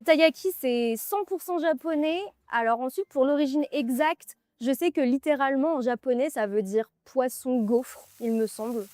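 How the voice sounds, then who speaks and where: A woman managing a bubble tea shop, answering interview questions in a relaxed, chatty way. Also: sits high, no room sound. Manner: relaxed, chatty, laughs easily.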